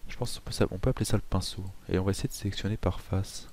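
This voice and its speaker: A man hosting a casual software tutorial, chatty with self-mocking asides and frequent hesitations. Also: sits low, fairly even intonation, very fast. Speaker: tutorial host.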